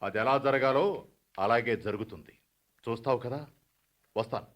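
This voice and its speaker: A man's voice: medium pitch, normal speed, highs cut off, natural voice. A man voicing an authoritarian family patriarch in a radio play. He speaks in a mid-range voice and issues curt, final orders. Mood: stern. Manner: commanding, curt decrees. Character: stern domineering father, middle-aged. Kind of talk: radio drama acting.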